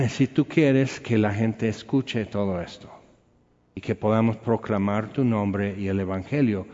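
Man telling a testimony in a hall. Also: mid-range voice. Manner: animated, rambling, frequent fillers. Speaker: evangelist giving testimony. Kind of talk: personal testimony storytelling. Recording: lo-fi with long hall reverb.

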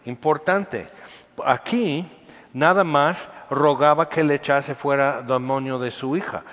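A man's voice: on the high side, slow pace, a bit bright, big-room sound, muffled recording. A man giving an informal, conversational Bible teaching with humor. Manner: conversational, acts out voices with humor. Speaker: preacher.

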